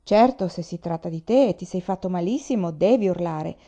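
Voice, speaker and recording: A woman reading aloud, voicing a bold, brisk young girl who is scornful of weakness. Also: on the low side, dark tone, lightly acted.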